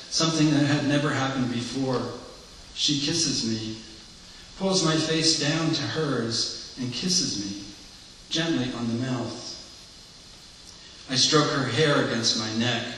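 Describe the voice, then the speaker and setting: A man's voice: medium pitch, sharp tone, slight background noise. A man reading the part of an earnest blind man confiding his past to a priest, in a candid, reflective monologue, heard in an echoey hall from far off.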